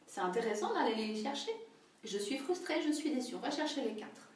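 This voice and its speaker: High-voiced woman teaching in an echoey room. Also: animated, fairly quick. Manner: conversational, frequent tag questions. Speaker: workshop leader. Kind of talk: teaching a group workshop. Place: room with a small group. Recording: very echoey room, far from the mic.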